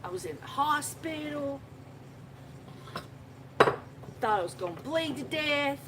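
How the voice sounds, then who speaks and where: Heavy background noise surrounds a woman with a high-sitting, expressive voice who talks slowly. She's live-streaming by phone from her shop, meandering through a story in a chatty way with frequent laughter.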